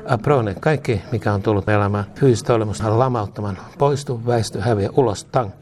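A man's voice: fairly low pitch, darkish tone. Guy preaching and praying in tongues, chanty repeated syllables, fervent. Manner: fervent prayer ministry.

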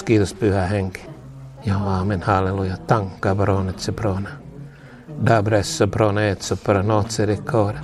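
A male preacher praying aloud and speaking in tongues, chanting repeated syllables and commanding in fervent prayer. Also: fairly low pitch.

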